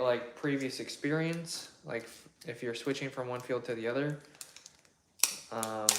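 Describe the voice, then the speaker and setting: A young man hosting a casual question-and-answer chat from his home kitchen, relaxed and rambling with lots of fillers and hedges. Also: medium pitch, heavy background noise. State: voice partly worn from shouting days before. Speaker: channel host answering viewer questions.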